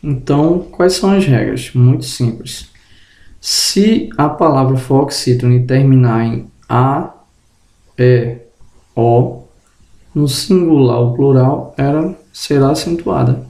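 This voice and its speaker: A man giving a spoken grammar lesson, slowly drawing out example words and checking in with the viewer, slightly groggy and tripping over words. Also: medium pitch, mellow, echoey room. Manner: tag questions to the viewer. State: just woke up, tongue tripping. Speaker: teacher.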